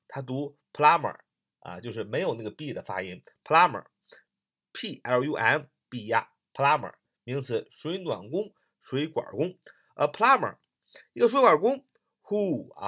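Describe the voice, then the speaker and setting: A man gives a recorded English reading lesson. His pitch rises and falls a great deal as he repeats each phrase and spells the words out slowly. He fills the pauses between explanations with short particles. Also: a bit bright. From northern China. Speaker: English teacher.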